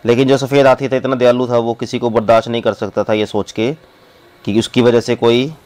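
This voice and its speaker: A man, teaching by reading a story aloud slowly and explaining it in quick, casual asides. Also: medium pitch, flat delivery, darkish tone, rough recording.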